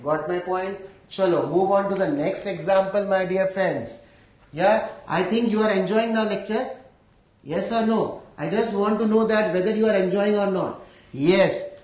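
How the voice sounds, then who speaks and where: A man's voice: sits high, normal speed, a little mellow. A man with an Indian accent teaching accounting in a live lecture, explaining step by step, repeating phrases and checking that everyone follows. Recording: echoey room.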